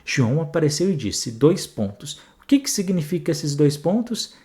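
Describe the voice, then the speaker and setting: A man with a Brazilian Portuguese accent teaching a grammar lesson for an exam, chatty and animated, often checking in with his students. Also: a little high, normal speed.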